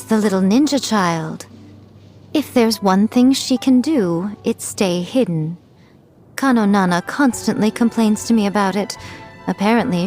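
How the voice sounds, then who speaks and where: In a scripted video game voice-over, a woman plays a sly, elegant fox-spirit shrine maiden, speaking in deliberate phrases with a coy, haughty, playfully condescending air. Her natural voice is medium-pitched with a darkish tone, and background music plays behind her.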